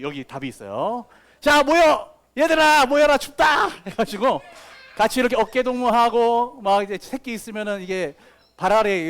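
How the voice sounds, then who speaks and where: A man giving a children's sermon as pastor, telling playful stories with sound effects and asking the kids questions. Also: sits high. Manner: talks directly to children with questions.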